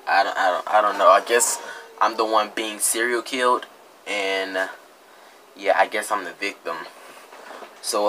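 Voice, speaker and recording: In a green-screen room indoors, this young American reaction host mocks what he watches in slangy, exasperated comedic commentary, repeating himself a lot. His voice is on the low side, pushed and bright, and the low-quality recording has a little hiss or hum.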